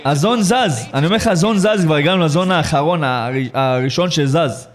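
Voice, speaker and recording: A man live-streaming a football video game, exclaiming in excitement, repeating himself and thanking viewers in slangy chat. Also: on the high side. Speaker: gaming livestreamer.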